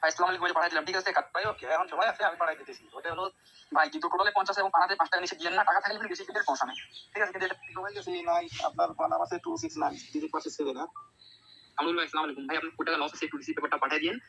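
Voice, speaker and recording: Man with a bright, eager voice message. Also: on the high side, racing, creaky, a little hiss or hum, poor audio. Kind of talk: recorded voice message.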